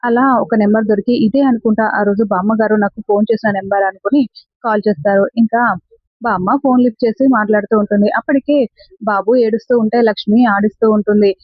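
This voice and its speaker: Husky woman retelling a serial. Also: medium pitch, fairly even intonation, fast talker, no echo, muffled recording. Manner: retells scenes step by step, quoting lines of dialogue. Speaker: serial recap narrator. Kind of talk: casual spoken story recap.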